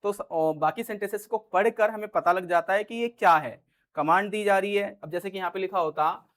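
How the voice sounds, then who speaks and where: A man's voice: sits high, normal speed, a bit bright. A male teacher giving a casual grammar lesson in Hindi, chatty and repetitive, often saying "theek hai" and acting out example sentences in different tones. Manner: chatty, repeats "ठीक है", acts out example lines in different tones. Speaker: English teacher.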